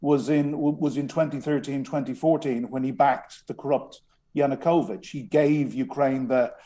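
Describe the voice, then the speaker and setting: This Irish man from Dublin, once a strategic communications advisor, talks earnestly as a guest on a radio interview, stopping and restarting many times. His voice is medium-pitched and dark in tone, with fairly even intonation at a moderate pace.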